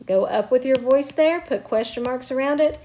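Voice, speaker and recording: A woman's voice: sits high, moderate pace, warm tone, slight background noise. A woman teaching a recorded remote grammar lesson from her home. She explains patiently, step by step, and encourages her students. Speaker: Spanish teacher. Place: at home with children nearby.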